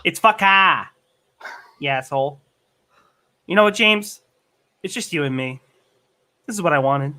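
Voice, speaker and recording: A man improvising sketch comedy over a video call, mock-indignant and teasing. His voice is high and bright. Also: animated, normal speed, long pauses. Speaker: comedy troupe member.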